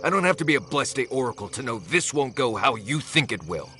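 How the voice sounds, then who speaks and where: An actor playing a bitter, sarcastic adventurer companion in a fantasy video game, lashing out in scornful tirades. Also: male voice, mid-range voice, big pitch swings, brisk, pushed and bright, soft background music. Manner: scornful, heated outbursts.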